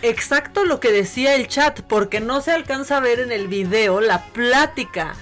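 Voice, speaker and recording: A woman's voice: a little high, lively intonation, moderate pace, fairly bright tone, soft background music. A Mexican woman co-hosting a casual gossip chat, playful and acting out pet names in mock voices. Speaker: co-host.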